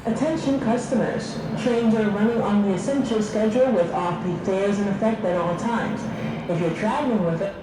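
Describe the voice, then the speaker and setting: Formal woman announcer over a loudspeaker, boomy and distant. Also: moderate pace. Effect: public address loudspeaker announcement. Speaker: station announcer. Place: outdoor train platform. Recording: echoey distant station loudspeaker, noisy.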